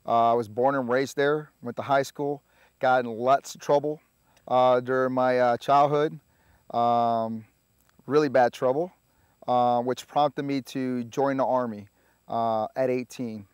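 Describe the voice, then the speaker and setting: Relaxed man, dry sound. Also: mid-range voice, clear, resonant tone, dry recording, lo-fi sound. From Puerto Rico. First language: Spanish. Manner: relaxed, halting, lots of filler sounds. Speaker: army veteran guest. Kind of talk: casual interview storytelling.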